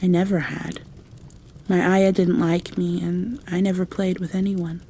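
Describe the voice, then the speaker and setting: A woman's voice: on the low side, little pitch movement, unhurried, mellow, husky. A woman voicing a lonely, imperious and curious young girl in a storybook reading, with prim, direct speech.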